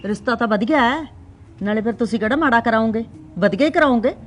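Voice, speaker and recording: A woman playing a middle-aged sister-in-law who calms others down in a reassuring way. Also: fairly high pitch, fast talker, natural voice. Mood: soothing. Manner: placating, reassuring.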